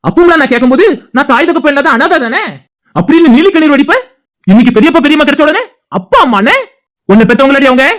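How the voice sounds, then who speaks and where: A woman's voice: sits high, fast talker, natural voice. A woman with a Tirunelveli Tamil accent voicing an angry husband in a cartoon, who scolds his wife in a heated, insulting way while defending his brother. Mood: angry scolding. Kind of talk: cartoon dialogue acting.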